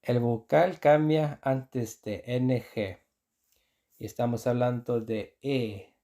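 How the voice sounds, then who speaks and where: A man whose first language is Icelandic teaches pronunciation to Spanish-speaking learners at an unhurried pace. His voice is dark and mellow. He repeats each example word several times and often breaks off and restarts his sentences. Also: mid-range voice, steady tone. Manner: slow, repeats example words, many restarts.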